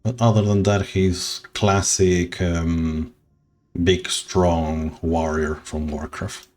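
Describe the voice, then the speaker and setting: A man streaming a game, talking slowly and sentimentally, rambling with soft laughs. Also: low-pitched, little pitch movement, faint music behind. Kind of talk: casual game stream chat.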